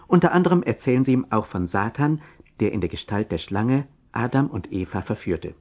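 A man's voice: fairly low pitch, expressive, a little fast, a little mellow. A man presenting a children's Bible program in scripted narration, instructing listeners directly.

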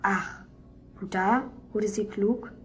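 A woman's voice: mid-range voice, fairly even intonation, slow, close to an everyday voice. A woman acting a curious boy who keeps asking questions in a children's radio play.

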